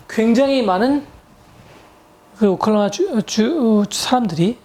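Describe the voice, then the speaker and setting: Woman English tutor from Korea, fairly high voice, chatty storytelling lecture style with English words mixed in. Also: a little mellow.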